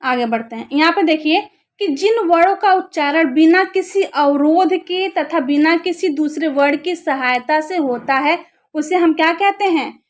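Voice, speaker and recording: A woman's voice: sits high, normal speed. A young woman teaching an exam-prep lesson, who asks her class questions and answers them herself while repeating the key terms.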